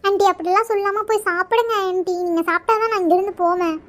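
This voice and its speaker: Brief: chatty college-girl friends in a cartoon, very high and squeaky, recorded bone-dry. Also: very fast, no room sound. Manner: chatty, teasing. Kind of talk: cartoon voice acting.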